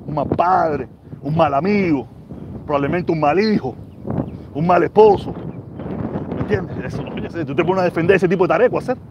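A man's voice: on the high side, moderate pace, pauses often, lo-fi sound, noisy background. A Cuban man with a Cuban accent, ranting heatedly on his channel, repeating himself and reading out viewer comments. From Cuba. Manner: angry, repetitive, street slang. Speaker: channel host.

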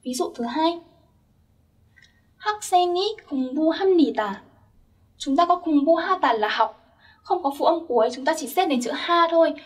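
A woman's voice: high voice, fast, distant mic. A young woman teaching Korean grammar step by step, patiently checking that her listeners follow. Her first language is Vietnamese.

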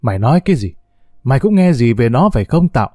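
A harsh, contemptuous middle-aged mother, put on by a man reading a story aloud, scolding. The voice is dark and mellow. The recording is close and dry. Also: mid-range voice, very animated, quick pace, dry recording.

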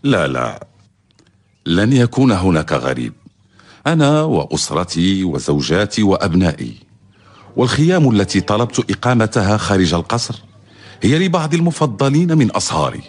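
An actor playing a lordly, benevolent ruler in a historical radio drama, with a commanding, stately delivery in formal Arabic. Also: male voice, lowish voice, big pitch swings, moderate pace, slightly rough, full character voice. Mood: lordly, assured. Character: lordly ruler speaking to his servant, benevolent.

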